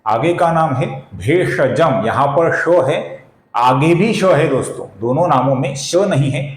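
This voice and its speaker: A man teaching the correct pronunciation of Sanskrit verses, explaining each sound slowly and repeating syllables, addressing viewers as friends, with verses chanted in a measured way. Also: a little high, lively intonation, reverberant, poor audio. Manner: slow, careful, repeats syllables for precise pronunciation. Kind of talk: explanatory lesson with slow chanting.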